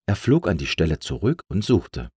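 Brief: male storybook narrator, dry close sound, animated delivery. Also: low voice, moderate pace, husky, no echo. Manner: expressive storytelling. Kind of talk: children's story reading.

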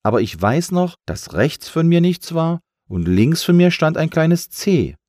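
A man's voice: on the high side, sing-song, measured pace, darkish tone, no echo, clean studio sound, pitched above the performer's own voice. Brief: anxious, fussy letter character, a male reader doing it, raised voice. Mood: worried. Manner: worried, complaining. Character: big letter A, fussy and fretful.

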